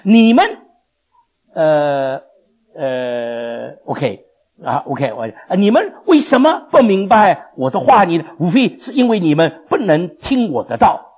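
A man teaching a Bible class, animated, questioning his listeners and chuckling often. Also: fairly high pitch, takes it slowly, slightly rough. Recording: dull lo-fi recording.

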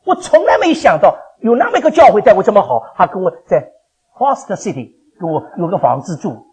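An older man preaching a sermon to his congregation as their pastor, animated and chuckling as he fires questions at the listeners. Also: high voice, fairly quick, breathy edge. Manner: animated, quizzes the congregation with questions, laughs often. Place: church.

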